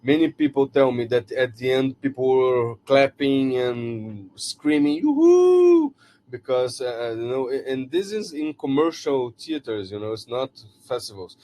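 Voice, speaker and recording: A man's voice: mid-range voice, darkish tone, slight background noise. A man from Brazil with a Brazilian Portuguese accent, a film director speaking English as a second language in an interview, often restarting and searching for words. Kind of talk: interview answers.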